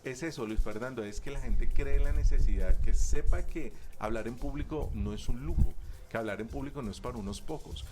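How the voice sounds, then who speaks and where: A man talking as a public speaking coach in a conversational interview, animated and acting out quoted voices. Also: mid-range voice, fairly quick, over music.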